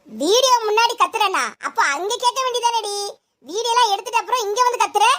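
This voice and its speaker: A woman playing a sharp-tongued mother-in-law who scolds and hurls insults at her daughter-in-law in a comedy sketch. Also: very high voice, fast talker, a little hiss or hum. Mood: scolding. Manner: scolding, name-calling.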